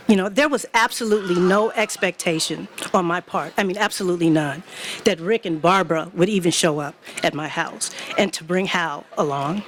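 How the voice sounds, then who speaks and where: A woman's voice: fairly low pitch, a little hiss or hum. Middle-aged woman giving a heartfelt tribute. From Indiana. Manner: warm, personal, laughs often, sometimes emotional. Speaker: college staff member giving a dedication speech. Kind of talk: heartfelt ceremonial speech. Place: event hall with an audience.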